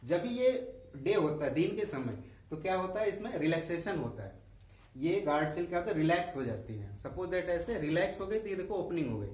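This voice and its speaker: A man's voice: on the high side, very animated, a little fast, darkish tone. Man teaching science with a Hindi accent, echoey room. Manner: asks questions and answers them himself. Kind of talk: classroom lesson explaining diagrams. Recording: echoey room, voice a bit far from the mic.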